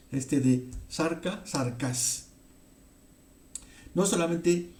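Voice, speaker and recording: A man from teaching a Bible passage in a halting way, with many fillers and frequent "ok?" check-ins. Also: on the high side, dark tone. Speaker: preacher.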